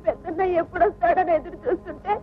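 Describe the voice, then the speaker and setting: A woman's voice: very high voice, rapid-fire. A naive, comic young woman. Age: young adult. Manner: naive, earnest. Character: naive, comic young woman eager to love her cousin. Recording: dull old film soundtrack with music.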